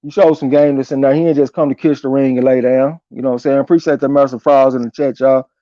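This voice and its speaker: Casual male boxing stream host: relaxed tone, slangy and profane, reads chat aloud, dull lo-fi sound. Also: mid-range voice, quick pace, no room sound. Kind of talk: casual live chat commentary, reading viewer comments aloud. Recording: dull lo-fi audio.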